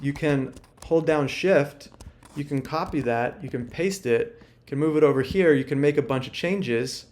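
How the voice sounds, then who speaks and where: A man's voice: a little high, normal speed, a little mellow. A man teaching a screen-share workshop, casual and thinking aloud with many fillers. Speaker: workshop instructor. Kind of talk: screen-share tutorial walkthrough.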